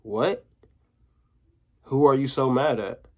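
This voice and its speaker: A man's voice: medium pitch, slow pace. A man reading aloud, voicing a bold, blunt young girl who teases and presses for answers. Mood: pressing. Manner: blunt and teasing. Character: sharp, bossy, confident young girl.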